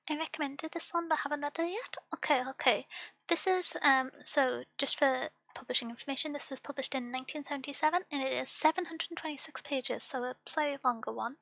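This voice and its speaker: A woman with a high, bright voice chats through a book club livestream, halting often on fillers and carrying a slight lisp. The sound is dry and a little dull, like a home stream mic close up. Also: creaky, no room sound. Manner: hesitant, many fillers, reading content warnings aloud. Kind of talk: casual live-stream chat.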